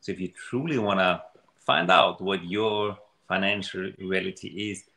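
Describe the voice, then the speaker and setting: A man giving an earnest, animated motivational talk in a casual conversation. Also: low-pitched, a little slow, reverberant. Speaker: guest speaker on money mindset.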